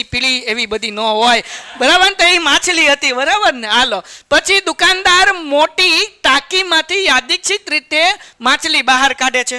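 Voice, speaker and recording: A man with a Kathiawadi Gujarati accent teaching maths in a lively lecture, joking and constantly checking that the class follows. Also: extremely high pitch. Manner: jokey, keeps checking with the class.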